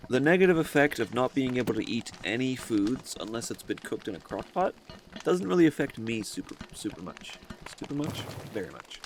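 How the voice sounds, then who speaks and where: A man hosting a casual let's-play, thinking aloud as he plays and often rambling and correcting himself. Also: medium pitch. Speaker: gaming video host.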